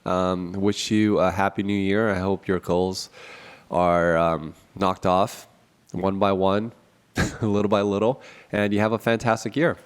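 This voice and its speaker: The man running this casual podcast speaks low and unhurried, smooth, with little pitch movement, yet sounds nasal and stuffy. Chatty and self-deprecating, he laughs often while talking solo and taking calls from a small office.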